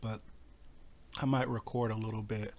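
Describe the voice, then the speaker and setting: Hoarse, coughing man. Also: fairly low pitch, level tone, darkish tone. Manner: rambling, halting, many fillers and restarts. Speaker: pest control business owner. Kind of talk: casual informational talk.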